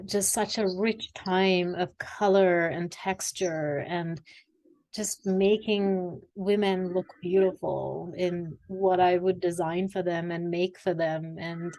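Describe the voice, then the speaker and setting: Speaking slowly in a low, steady voice, a woman in her forties from Sri Lanka recounts her life as an interview guest. She is an executive coach, and her conversational delivery is warm and reflective, with frequent fillers.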